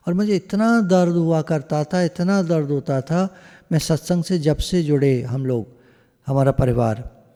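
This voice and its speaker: A man giving a spiritual discourse over a video call, slow and emphatic, often slipping into English phrases. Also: a little high, warm tone, long reverb tail. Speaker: satsang speaker.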